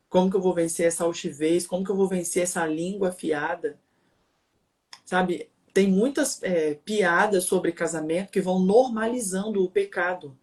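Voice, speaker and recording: A married adult woman with a Brazilian Portuguese accent speaks in a fairly low, mellow voice. As a co-host, she's preachy and emphatic, firing off rhetorical questions.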